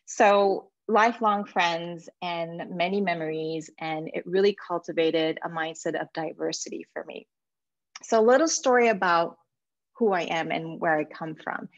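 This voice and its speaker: Woman from japan giving a coaching talk, kinda low voice, dry muffled sound. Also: steady tone, normal speed, dry recording. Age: 40s. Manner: earnest, a few fillers and restarts. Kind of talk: presentation to alumni.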